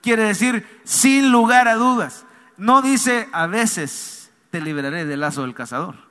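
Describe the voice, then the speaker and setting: A man's voice: high voice, expressive, unhurried, bright, forceful tone. A man, a pastor preaching a sermon with call-and-response, pleading and emphatic, in a church hall. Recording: long hall reverb.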